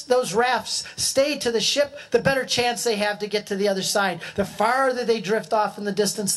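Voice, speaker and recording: Animated older man telling a story. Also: sits high. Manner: animated, acts out voices. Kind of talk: storytelling talk.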